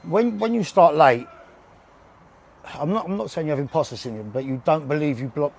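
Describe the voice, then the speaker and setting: A man's voice: on the high side, moderate pace, vocal fry, a little mellow. A man in his forties with a London accent, chatting casually and bluntly as an interview guest, often repeating words and restarting. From west London and Surrey, England. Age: 40s. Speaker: bare-knuckle boxer, interview guest. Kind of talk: casual chat. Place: indoors in a gym.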